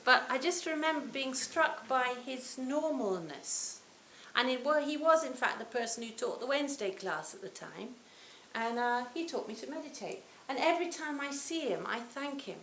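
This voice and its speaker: A woman in her sixties giving a reflective Buddhist talk to a retreat audience, her phrases often trailing off softly. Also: sits high, animated, moderate pace. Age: 60s. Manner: reflective, warm storytelling with soft trailing phrase ends. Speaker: Buddhist teacher. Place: retreat hall. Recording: roomy hall, faint hiss.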